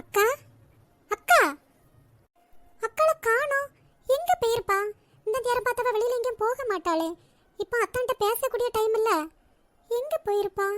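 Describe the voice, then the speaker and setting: A woman voicing a feisty, sharp-tongued young woman who protects her sister in a cartoon. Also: very high voice, moderate pace, long pauses, no echo. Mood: scolding. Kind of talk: cartoon voice acting.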